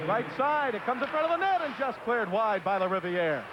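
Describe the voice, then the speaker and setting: A man's voice: high voice, big pitch swings, fairly quick. A man giving live play-by-play commentary of an ice hockey game. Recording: muffled vintage broadcast, loud arena crowd noise. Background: noisy hockey arena crowd.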